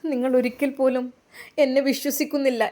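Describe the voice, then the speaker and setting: A woman's voice: high voice, flat delivery, brisk, mellow, lightly acted. A woman voicing a wounded young wife, crying and protesting in a dramatized story reading. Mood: tearful. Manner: tearful, protesting.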